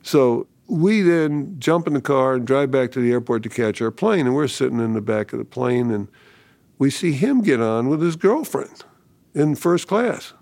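An older man recounting a personal story as an interviewee, lively and acting out the dialogue as he goes. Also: medium pitch, normal speed, gravelly, dry recording.

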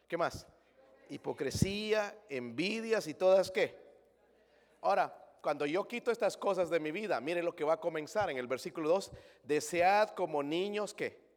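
A man's voice: a little high, in a large hall. A male pastor preaching a sermon in a church, asking the congregation many rhetorical questions.

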